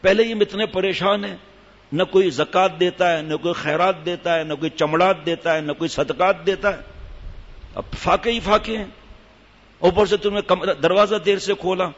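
A furious, broke husband, put on by a male storyteller, rants in a raised, loud voice and hammers the same complaints over and over. The sound rings through a large hall with a lingering echo. The recording is slightly dull and muffled. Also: high voice, steady tone, voice pushed up. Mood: ranting. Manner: loud, ranting, repetitive. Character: angry, broke middle-aged husband shouting complaints.

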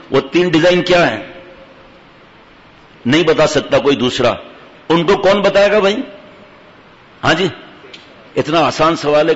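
A man, giving a sermon and putting rhetorical questions to the congregation, with pious phrases throughout. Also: fairly high pitch. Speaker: preacher. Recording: dull, long-reverb hall recording.

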